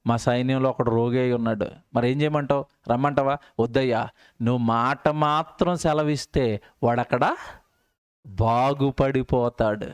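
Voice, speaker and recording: A man preacher voicing a humble Roman centurion who pleads earnestly in a low voice. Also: moderate pace, clear, resonant tone, no room sound, close to an everyday voice. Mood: pleading.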